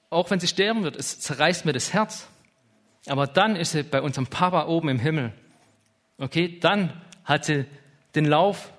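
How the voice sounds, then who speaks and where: A man's voice: a little high, fairly bright tone. A man in his thirties preaching a sermon in an informal, heartfelt way, peppering his talk with interjections. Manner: informal, emotional, with lots of "hey" and "ja".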